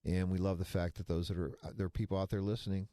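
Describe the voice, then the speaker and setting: A deep, warm voice delivered flatly and fast belongs to a financial radio show co-host in his sixties. His talk is casual, full of folksy, rambling digressions, and the studio-quality audio has no room sound.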